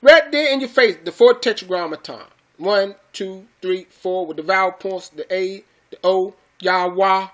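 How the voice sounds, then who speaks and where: A man with a high, bright, forceful voice preaches scripture to his followers. He keeps repeating phrases for emphasis and calls his listeners brothers and sisters. The delivery is emphatic and insistent. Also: unhurried, few pauses. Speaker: religious teacher.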